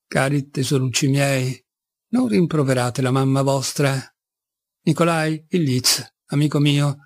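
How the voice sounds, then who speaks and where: A man's voice: fairly high pitch, gravelly. A man doing a rambling, pitiful half-mad mother. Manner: rambling, pleading, self-pitying. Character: feeble-minded crippled mother, middle-aged, plaintive. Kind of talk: audiobook reading.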